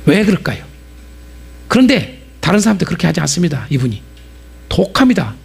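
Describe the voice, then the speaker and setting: A middle-aged man preaching a lively sermon-lecture in a church, animated and jumping between quiet asides and loud acted-out outbursts. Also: high voice, fairly quick, creaky, breathy edge. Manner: animated, acts out market sellers with sudden loud outbursts. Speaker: pastor and Bible lecturer.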